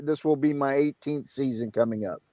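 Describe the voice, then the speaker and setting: A college basketball coach in his fifties answers interview questions casually over a video call, plain-spoken and using many "uh" fillers. His mid-range voice is a little mellow and moves at normal speed.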